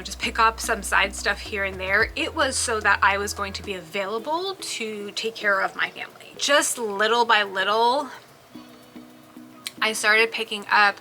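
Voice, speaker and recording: This business owner, a Spanish-speaking woman in her thirties, uses a bright, forceful mid-range voice. She's vlogging casually about her own life, chatty and peppered with frequent ums and likes.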